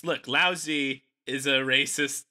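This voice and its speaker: A man's voice: mid-range voice, fairly even intonation, takes it slowly, bright, forceful tone. A man co-hosting a movie podcast, chatting casually and laughing through his jokes. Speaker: podcast co-host. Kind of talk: casual movie review chat.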